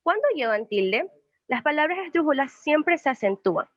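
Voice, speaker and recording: A woman's voice: sits high, lively intonation, moderate pace, no echo. A young woman, a student, reading a class presentation that poses questions and then answers them. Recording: muffled lo-fi recording.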